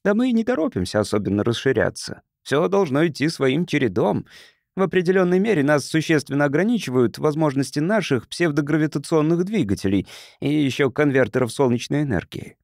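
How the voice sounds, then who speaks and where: In a dry recording of a science fiction audiobook, a man plays a proud, guarded male councillor giving formal explanations. His gravelly, slightly mellow voice is sing-song and fairly quick, moving widely in pitch, with a formal, reserved mood.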